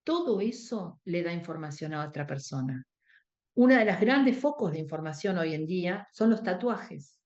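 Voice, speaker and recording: An expressive woman with a somewhat low, slightly mellow voice and a Rioplatense Spanish accent leads an emotional first aid workshop at normal speed. She lays things out step by step, acts out dialogue, and seeks her audience's agreement. Audio is dull.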